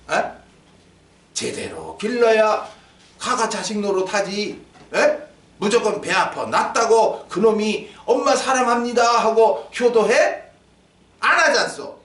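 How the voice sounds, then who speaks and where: Male pastor, high animated sermon voice, echoey church from a distance. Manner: animated, acts out little dialogues, quizzes the congregation. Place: church sanctuary. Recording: echoey hall, mic from a distance.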